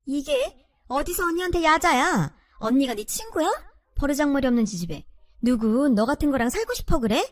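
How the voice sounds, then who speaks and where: A woman's voice: high-pitched, animated, normal speed. A woman voicing a scolding older mother who nags and berates her younger daughter. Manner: sharp nagging scolding.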